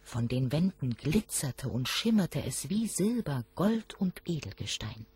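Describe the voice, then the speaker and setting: A woman narrating a German fairy tale in a slow, expressive storytelling manner. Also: low-pitched, slightly rough.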